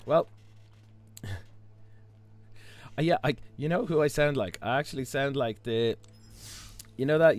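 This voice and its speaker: A hoarse Irish man with his voice stuck low, chatting casually while live-streaming a game, rambling with lots of fillers and restarts. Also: darkish tone. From Ireland. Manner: rambling, many fillers and restarts, chuckles often.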